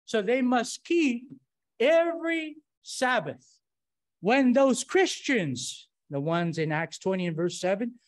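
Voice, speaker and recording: A middle-aged man teaching a Bible study from a church lectern, talking in a conversational way and often checking in with "right?" and rhetorical questions. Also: very high-pitched. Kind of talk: classroom-style sermon with fill-in-the-blank slides. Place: church room, standing at a lectern.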